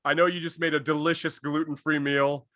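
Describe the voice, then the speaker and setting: A man's voice: a little high, flat delivery, fairly quick, bright, forceful tone, dry recording, clean studio sound. A man voicing a giddy, lustful husband who is in a rush to buy silk sheets, in a squealing, theatrical way.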